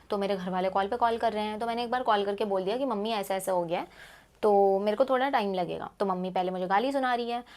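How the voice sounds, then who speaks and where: A young woman casually telling a personal story, switching between Hindi and English, swearing now and then and acting out what others said. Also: mid-range voice. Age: young adult. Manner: animated, acts out quotes of others. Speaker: storytime vlogger.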